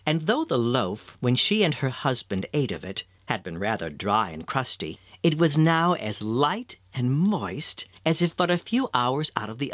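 A man narrating a classic storybook tale with an expressive, storytelling manner. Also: mid-range voice, no echo.

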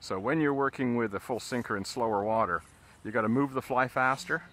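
A man with a mid-range voice, speaking a little fast, gives casual instruction while fishing. As a fly fishing instructor out on a river in a boat, he calmly explains fly casting step by step as he casts.

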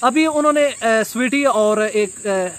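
A man in his thirties giving a casual commentary vlog outdoors beside a brick wall, recorded on a phone camera, pausing often with fillers. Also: high-pitched, fairly bright tone, a little hiss or hum. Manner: hesitant, many filler pauses. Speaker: vlogger. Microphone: phone camera at arm's length.

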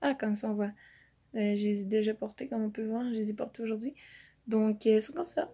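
Her mid-range voice is mellow with a breathy edge, fairly even in intonation, and fairly quick. A young vlogger with a Quebec French accent, she casually walks through a haul video, showing items to the camera and leaning on fillers. The recording is lo-fi and dull, with faint noise.

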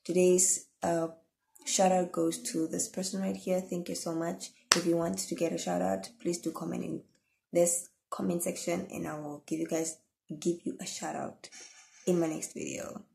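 A tired young woman from Namibia signing off her vlog in a soft, rambling casual chat, with a gravelly, worn voice. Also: on the low side, little pitch movement, normal speed, a little hiss or hum. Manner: soft, rambling sign-off with many fillers. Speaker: vlogger.

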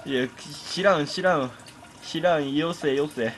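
A man's voice: a little high, a little slow, a bit bright, slight background noise, poor audio. A man commentating a horror game, jumpy and chatty, bickering with the game. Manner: jumpy, talks back at the game with jokes and complaints.

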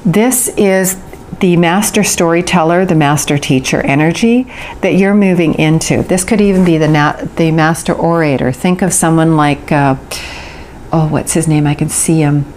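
A woman's voice: sits low, normal speed, darkish tone, a little hiss or hum. A woman giving an intuitive tarot reading to the viewer, talking in a flowing, earnest way and drawing out words for emphasis. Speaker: tarot reader.

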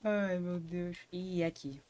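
A woman's voice: lowish voice, steady tone, a little slow, mellow. A Brazilian woman streaming a horror game, jumpy and scared, swearing often and talking to herself. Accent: Brazilian Portuguese. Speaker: gaming streamer. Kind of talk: live gaming commentary.

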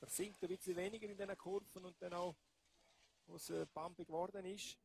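A man's voice: sits high, fairly even intonation, brisk, gravelly. A man giving casual, explanatory expert analysis of a ski race. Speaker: expert co-commentator.

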